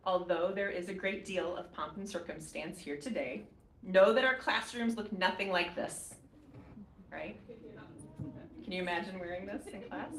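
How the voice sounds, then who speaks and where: A middle-aged woman, a professor, hosting a graduation ceremony with a warm, measured formal welcome speech that names guests one by one. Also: fairly low pitch. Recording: echoey hall, faint ambient noise.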